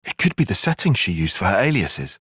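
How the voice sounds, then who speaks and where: Casting: young military strategist for a game, earnest and formal, husky edge, wide expressive pitch, dry studio sound. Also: male voice, no echo, full character voice. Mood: analytical, composed. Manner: precise, formal, measured phrasing. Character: young male soldier tactician, analytical, formal, earnest. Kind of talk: video game cutscene voice acting.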